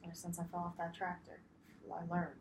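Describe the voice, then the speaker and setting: A laid-back retired farmer who loves golf, voiced by a young woman, answering intake questions in short, joking replies. The voice sits fairly low and barely changes from an everyday tone. It is recorded in an echoey room with faint background noise. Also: level tone, fairly quick, vocal fry. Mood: easygoing. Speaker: role-play patient. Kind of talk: mock patient intake role-play.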